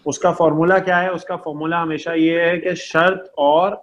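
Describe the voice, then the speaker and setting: A man's voice: fairly high pitch, flat delivery, normal speed, muffled recording. A man teaching an online class, patient, repeating key terms and checking often that his students understand.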